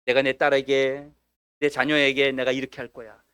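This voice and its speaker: A male pastor preaching a sermon, rising to urgent emphasis and dropping to quieter asides. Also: medium pitch, little pitch movement, normal speed, clean tone, no echo, clean studio sound.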